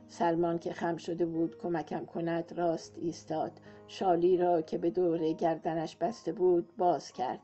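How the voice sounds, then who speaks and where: A woman giving a calm, measured scripted narration of a romance novel as an audiobook narrator. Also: fairly low pitch. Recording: muffled, soft music behind.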